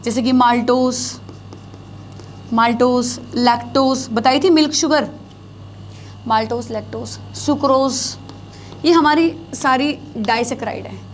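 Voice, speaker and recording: Lady teacher lecturing at a board, high voice, keeps asking the kids stuff and repeats terms, faint room hiss. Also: unhurried, pauses often. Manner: asks the students questions and answers them herself; repeats key terms, mixing Hindi with English. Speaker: biology teacher. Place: classroom, writing on a board.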